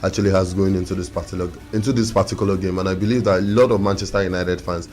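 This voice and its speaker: Man, radio sports co-host, lowish voice, measured, long arguments. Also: fairly even intonation, a little mellow. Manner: measured, argues his points at length.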